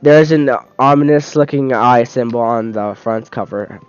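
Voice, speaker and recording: A man's voice: mid-range voice, normal speed, smooth. A man streaming a game, reading its text aloud in a casual let's-play, often stumbling and restarting mid-word and laughing easily. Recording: dull lo-fi sound, dry close mic, faint music behind.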